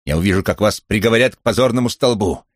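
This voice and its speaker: A man's voice: quick pace, dry recording, clean studio sound, natural voice. A man voicing a panicking, asthmatic male TV presenter who gasps out frantic threats in an audiobook. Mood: threatening. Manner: shrill, frantic, breathless threats. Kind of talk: audiobook character voice.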